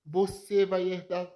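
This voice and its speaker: A woman's voice: medium pitch, dark tone, natural voice. A Brazilian woman voicing a dying grandmother in her old age, tender and gasping for breath. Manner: weak, gasping breaths between words.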